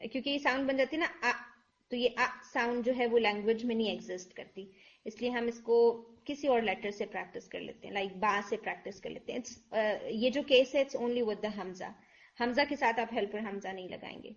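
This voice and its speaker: A woman's voice: a little high, muffled recording. A woman teaching tajweed in Urdu, explaining patiently and mixing in English words. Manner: demonstrates letter sounds aloud. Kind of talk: online lesson.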